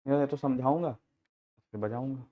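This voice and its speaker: A man teaching accounting software in a casual class, telling stories with frequent laughs and acting out the people in them. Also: mid-range voice, normal speed, dull audio. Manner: chatty storytelling, laughing often, acting out quoted people.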